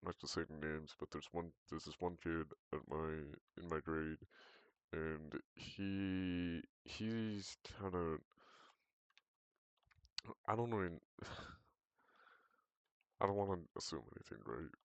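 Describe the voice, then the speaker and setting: A teenage boy with a very deep voice, chatting casually while gaming, rambling and hesitant with frequent restarts. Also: takes it slowly, long pauses, clean tone, no echo. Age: teens. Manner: rambling, hesitant, self-correcting. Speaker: gaming vlogger.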